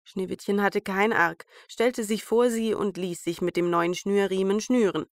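Unhurried woman reading a German fairy tale. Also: medium pitch, steady tone, no echo, studio quality. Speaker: podcast storyteller. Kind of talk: German fairy tale narration, read aloud as bedtime story.

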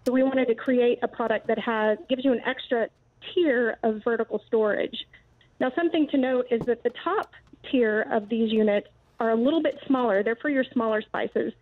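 A woman's voice: on the high side, normal speed. A woman phoning in as a product's inventor, explaining it politely, practically and step by step. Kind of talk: explanatory product demonstration by phone. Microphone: phone call into live show. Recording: tinny, narrow phone line.

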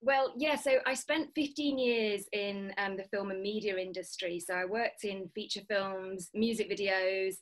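A woman's voice: mid-range voice, a little slow, few pauses. A woman, a guest on a video call, talking enthusiastically with many fillers and restarts. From Lancashire, England. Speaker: guest, business founder. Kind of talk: remote interview. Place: dim home room.

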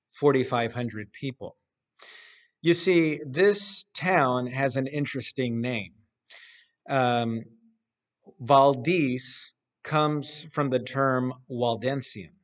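Slow, deliberate man preaching a sermon. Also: medium pitch. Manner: slow, deliberate speaking with hand gestures. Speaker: pastor. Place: empty church sanctuary with wooden ceiling. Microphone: camera close up at face level.

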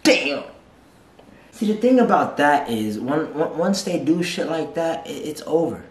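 A man's voice: a little high, lively intonation, a little slow. Brash young man reacting in an echoey room. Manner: brash, profane, mocking. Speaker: reaction video host. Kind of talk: casual reaction commentary. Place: small room, seated on a couch.

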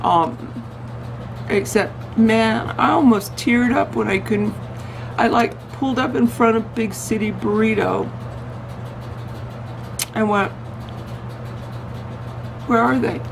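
Gravelly-voiced woman rambling in a vlog. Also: fairly high pitch, slow, pauses often, background noise. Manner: chatty, digressive, self-interrupting. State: losing her voice. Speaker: vlogger. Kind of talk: casual rambling vlog chat.

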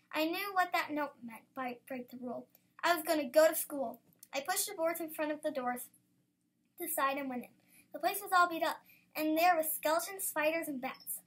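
A young girl, a student, reading her own story aloud, lively and bursting into excited exclamations. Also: sits high. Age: child.

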